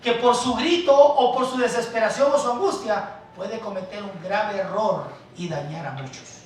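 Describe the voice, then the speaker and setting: A male pastor preaches with emphatic stresses that drop to quiet asides, addressing his listeners as brothers. His voice rings through a very echoey church hall, picked up from well away from the mic, with a faint hum of room noise behind. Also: sits high, normal speed, distant mic. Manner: emphatic, swings from soft asides to loud stresses. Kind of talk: preaching a sermon.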